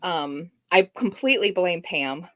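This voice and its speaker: A woman's voice: fairly low pitch, expressive, a little slow, a bit bright. A woman co-hosting a podcast in casual, chatty conversation. She laughs often and speaks over a streamed video call. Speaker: podcast co-host.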